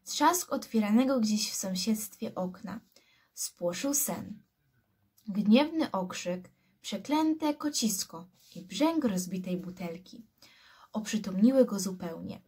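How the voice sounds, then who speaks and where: A woman reading a novel aloud as a scout, in slow, hushed storytelling. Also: medium pitch, animated, breathy edge. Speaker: scout reader.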